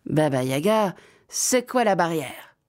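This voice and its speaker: A woman narrating a children's fairy tale in an expressive, measured way. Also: on the low side. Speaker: storyteller.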